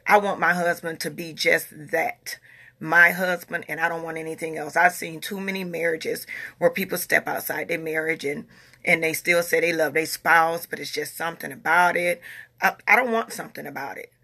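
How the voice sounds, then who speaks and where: A woman in her forties talks casually to her followers in a vlog, speaking in a Southern US dialect. Her low voice is steady, pushed and bright, at a moderate pace. She is earnest and repeats herself as she makes her point.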